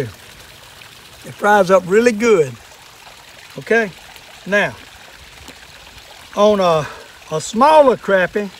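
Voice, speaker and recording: Older southern guy, high voice, folksy old fisherman explaining stuff outside, some noise behind him. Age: older, 60s or above. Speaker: fishing and fish-cleaning demonstrator. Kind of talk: casual hands-on how-to demonstration. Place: outdoors in a wooded yard at a table.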